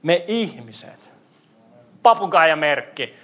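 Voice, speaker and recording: Lively high-voiced man preaching playfully. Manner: playful, quizzes the congregation. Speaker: pastor. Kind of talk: interactive sermon. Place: church hall.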